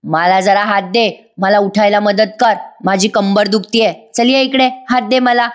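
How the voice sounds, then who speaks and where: A woman's voice: mid-range voice, steady tone, measured pace, close to an everyday voice. A woman voicing a frail old grandmother with an aching back, calling out and scolding in a raised voice. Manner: pleading, scolding cries.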